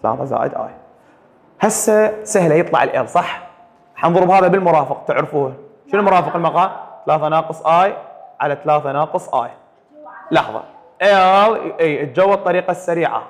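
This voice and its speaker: Speaking quickly and expressively with long pauses, a man with a fairly high voice teaches math in a large hall. His accent is Iraqi Arabic, and he keeps repeating questions for students to answer together in call-and-response fashion.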